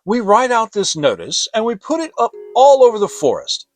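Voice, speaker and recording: A man's voice: sits high, huge pitch swings, faint music behind, pitched above the performer's own voice. A man voicing a pompous, long-winded owl in a storybook, with emphatic, lecturing delivery. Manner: emphatic, lecturing, drawn-out words.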